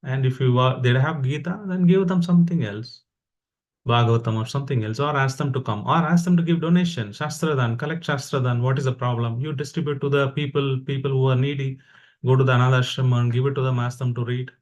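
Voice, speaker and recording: A man with an Indian accent and a mid-range voice speaks quickly in an informal devotional talk. Like a fellow practitioner, he urges his listeners on in a conversational, motivating way.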